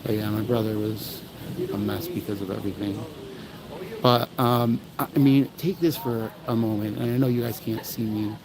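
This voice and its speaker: A man's voice: on the low side, fairly even intonation, moderate pace, crowd noise, low-quality recording. A man livestreaming at an outdoor memorial, talking earnestly to viewers in a rambling way and often apologizing. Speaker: livestream host at a memorial event. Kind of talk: emotional livestream talk.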